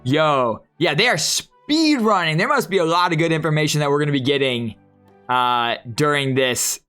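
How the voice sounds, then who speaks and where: A woman streamer giving casual, slangy, excitable live reaction commentary. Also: low-pitched, normal speed, faint music behind.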